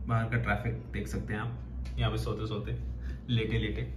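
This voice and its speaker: A man's voice: lowish voice, little pitch movement, brisk. Man in his 30s, travel vlogger, chatty and upbeat, phone held out, heavy road noise behind. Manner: chatty, upbeat tour-guide talk. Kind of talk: casual travel vlog narration. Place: outdoors at highway rest stop, car, hotel room. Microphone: phone camera at arm's length. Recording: loud road and outdoor noise.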